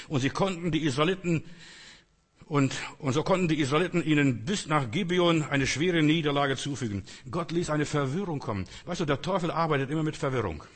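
A man's voice: on the high side, a bit bright, husky. A man preaching a fervent sermon, addressing listeners directly and quoting scripture. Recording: long reverb in a large hall.

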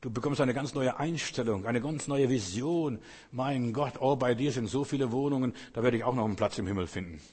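A man's voice: mid-range voice, a little fast, darkish tone, husky, long reverb tail. A man preaching a sermon in German, fervently exhorting his listeners and speaking to them directly.

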